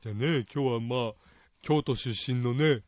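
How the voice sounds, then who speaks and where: A man hosting a radio dialect lesson, with a Niigata accent and a chatty manner full of small halting restarts. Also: medium pitch, noisy background. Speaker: host.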